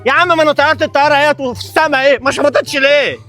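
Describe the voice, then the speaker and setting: A woman's voice: high voice, steady tone, rapid-fire, a bit bright, soft background music. A woman voicing a taunting Egyptian boy. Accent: Egyptian Arabic. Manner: taunting, teasing, cocky. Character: mocking bratty boy friend. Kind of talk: comedy skit voice acting.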